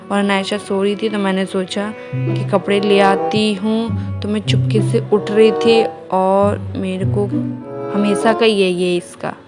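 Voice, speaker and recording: A woman's voice: mid-range voice, flat delivery, measured pace, over loud music. Chatty young mother vlogging at home. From India. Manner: chatty, homely, talks to viewers and baby. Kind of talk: casual vlog narration to viewers. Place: home indoors.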